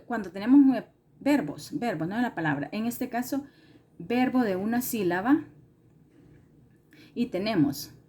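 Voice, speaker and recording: Lady teacher going over grammar rules, slow and patient, repeats stuff, fixes her own slips. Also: fairly high pitch, warm tone. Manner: patient, repetitive, self-correcting explanations. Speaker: English teacher. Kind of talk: recorded classroom lesson explanation.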